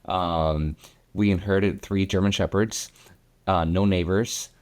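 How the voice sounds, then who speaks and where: A man from Ecuador co-hosting a housing podcast, talking in a relaxed, rambling way with many fillers. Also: sits low, unhurried. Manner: relaxed, lots of fillers and restarts. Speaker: podcast co-host. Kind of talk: casual podcast chat.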